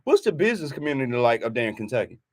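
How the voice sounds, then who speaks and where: A man's voice: medium pitch, big pitch swings, rapid-fire, no echo. A man co-hosting a business talk show, chatting casually and animatedly, laughing often and repeating words as he gets going.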